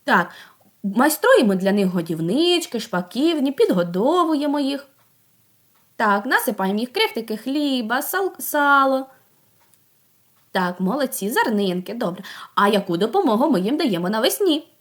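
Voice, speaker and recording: A woman teaching a group of young children, asking coaxing questions, praising them and sounding out words slowly. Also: on the high side, big pitch swings. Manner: slow, drawn-out sounding out of words. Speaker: preschool teacher.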